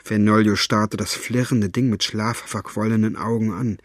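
A man reading a story aloud as narrator, with a lively, varied delivery. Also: lowish voice, normal speed, no echo, clean studio sound. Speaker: audiobook narrator. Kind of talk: expressive audiobook reading.

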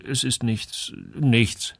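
A man voicing a hesitant, slow-spoken butcher near sixty in an audiobook. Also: medium pitch, steady tone, slightly rough, dry recording, clean studio sound, exaggerated voice. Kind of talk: audiobook character voice.

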